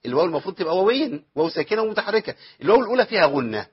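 A quick-talking Egyptian man teaches Quran recitation, firing off questions to his listeners and then answering them himself. His voice sits a little high and has a husky edge. The recording sounds dull and lo-fi. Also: very animated. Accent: Egyptian Arabic. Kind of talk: tajweed lesson with recited examples.

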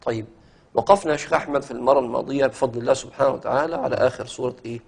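Guy teaching a class, plain middle voice, breaks into slow chanting of verses. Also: mid-range voice, vocal fry, darkish tone, husky. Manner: explains step by step, chants verse lines slowly. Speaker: Quran recitation teacher. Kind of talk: lecture explaining a classical poem.

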